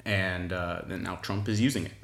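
A man's voice: sits low, fairly even intonation, moderate pace, gravelly, a bit bright, reverberant, slight background noise. A man co-hosting a podcast, explaining current events in an earnest, casual way and laughing easily. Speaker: podcast co-host. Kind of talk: casual political chat.

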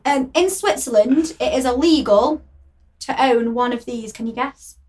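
Woman, fairly high voice, chatty and giggly, casual podcast chat. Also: unhurried, darkish tone. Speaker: podcast co-host.

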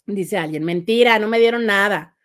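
A Mexican woman, a couples therapist, chatting casually on a live stream, reading out viewer comments in a playful, sarcastic way and laughing often. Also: mid-range voice.

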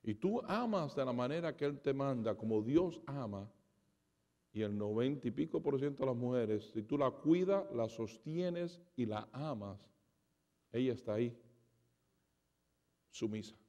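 A pastor preaching a sermon, dramatic, acting out conversations and swinging between loud and soft. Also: male voice, medium pitch, expressive, measured pace, long pauses. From Spanish heritage. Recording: reverberant hall.

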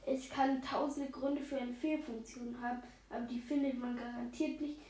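A woman's voice: sits high, flat delivery, normal speed, warm tone, heavy reverb, far from the mic, lightly acted. A woman voicing a fussy male duck professor who lectures in a self-assured way. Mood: lecturing.

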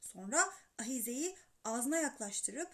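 A woman storyteller reading a children's story aloud in an animated, expressive way. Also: fairly high pitch, unhurried.

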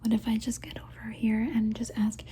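A woman doing fast-paced whispered ASMR, repeating words and phrases insistently in a pleading way. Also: on the high side, completely flat delivery, mellow, husky. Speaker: ASMR performer.

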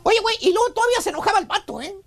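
Very high voice, woman, Mexican accent, rowdy slangy radio host, teasing. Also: expressive, rapid-fire, creaky. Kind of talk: comic storytelling on morning radio.

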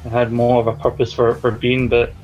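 A man's voice: medium pitch, completely flat delivery, brisk, darkish tone, lo-fi sound, faint music behind. A man giving opinions in a casual wrestling podcast chat, loose and conversational. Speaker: podcast panelist.

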